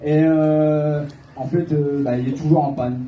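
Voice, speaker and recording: Young man, northern French accent, stand-up comic, higher voice, echoey club, distant mic, audience noise. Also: steady tone, a little slow, muffled recording. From Calais, northern France. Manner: rambling, hesitant with frequent filler sounds. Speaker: stand-up comedian. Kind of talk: stand-up comedy set. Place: comedy club stage, heard from the audience. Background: audience laughter and room noise.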